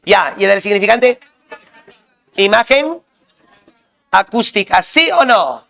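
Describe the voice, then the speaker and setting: A male teacher drilling students with quick questions and repeated call-and-response prompts. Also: sits high, big pitch swings, vocal fry, a bit bright. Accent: Peruvian Spanish. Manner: quizzing, repetitive call-and-response.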